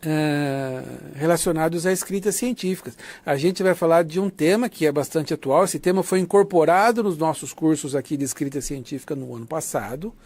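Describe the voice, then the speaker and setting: A man with a Brazilian accent lectures an academic writing course online in a slightly high, darkish voice, speaking briskly with few pauses. His teaching is informal, didactic, and conversational, and he often checks understanding with short tag questions. The recording is dry.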